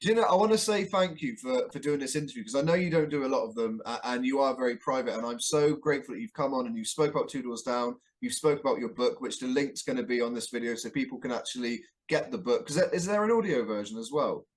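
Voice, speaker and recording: A man's voice: medium pitch, quick pace, few pauses. A man hosting an interview, friendly and appreciative as he asks long questions. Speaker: podcast host.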